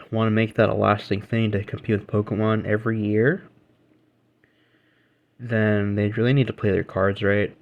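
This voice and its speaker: A male gaming vlogger gives his opinions in a loose, casual rant. His voice sits a little low, and he rambles, restarting sentences and correcting himself mid-thought. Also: dull audio. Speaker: gaming reaction channel host.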